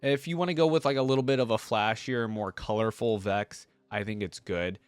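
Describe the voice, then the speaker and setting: A man with a smooth, lowish voice talks a little fast in a dry recording, offering enthusiastic reaction commentary as if thinking out loud. He makes reaction videos, and background music plays throughout.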